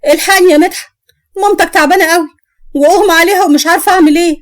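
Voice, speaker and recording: A woman's voice: high voice, fast, lightly acted. A woman voicing an anxious young female cousin who speaks urgently and sharply in an Egyptian accent. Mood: panicked.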